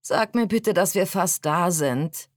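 A woman voicing a tired, sarcastic teenage girl hiker who complains in a drawn-out tone. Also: lowish voice, animated, dry recording, studio quality.

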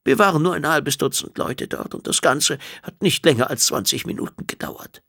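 Man doing a tearful frail old woman, raised pitch, gravelly, dry close sound, audiobook. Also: big pitch swings, moderate pace, sharp tone, no room sound, full character voice. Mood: gentle. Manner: sad, sniffling, breaking into high tones. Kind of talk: audiobook character voice.

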